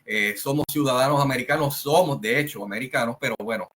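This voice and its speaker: A man with a Puerto Rican Spanish accent telling a family story in a slow, rambling way, full of fillers and restarts. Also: mid-range voice, fairly bright tone, low-quality recording. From Puerto Rico. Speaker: channel host. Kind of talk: casual storytelling monologue.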